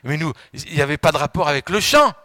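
A man preaching a sermon, swinging between loud emphatic outbursts and quiet asides and putting questions straight to the congregation. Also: on the high side, big pitch swings, quick pace, no room sound, studio quality. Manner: addresses the congregation directly with questions.

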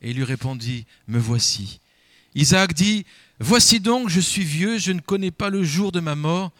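A preacher man reads scripture and then explains it, his fairly high voice swelling and dropping for emphasis as he repeats his words. The sound is dry and close, with no room echo. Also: expressive, normal speed, a bit bright. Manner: emphatic, rising and falling delivery with repeated words. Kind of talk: Bible reading and sermon.

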